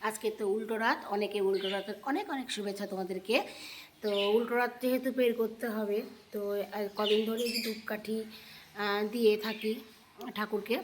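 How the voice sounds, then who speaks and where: A woman with a hoarse voice chatting directly to her viewers in a casual home vlog, filmed on a handheld phone. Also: mid-range voice, fairly even intonation, fairly quick, background noise. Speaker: vlogger. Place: at home, indoors and on a balcony.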